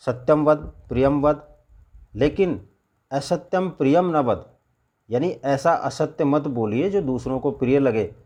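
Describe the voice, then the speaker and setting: A male school teacher giving a lesson, reading Sanskrit phrases aloud and explaining each one slowly to his students. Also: on the high side, a little mellow. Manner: addresses students as children, repeats "ठीक है". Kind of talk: classroom lesson explaining Sanskrit verses in Hindi.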